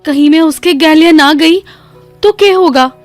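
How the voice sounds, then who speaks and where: A woman's voice: sits high, moderate pace, no echo, faint music behind, voice pushed up, close to an everyday voice. A woman voicing a naive, anxious young village wife with a Haryanvi accent, asking worried questions.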